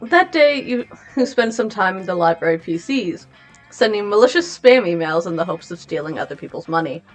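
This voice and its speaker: A woman's voice: medium pitch, fairly quick, faint music behind. Playful young woman reading game text. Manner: playful, animated, reads with expression. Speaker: gamer. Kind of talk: casual gameplay chat and reading game text aloud.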